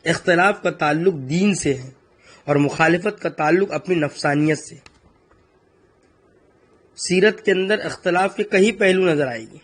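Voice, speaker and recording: Man, high voice, preacher, religious talk, emphatic, repeats phrases. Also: pauses often.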